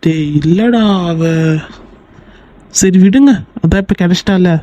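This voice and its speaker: A man voicing a loud, excitable young guy. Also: high voice, unhurried, dry recording, muffled recording. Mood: excited banter. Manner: loud, exclamatory, teasing. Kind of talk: amateur cartoon voice acting.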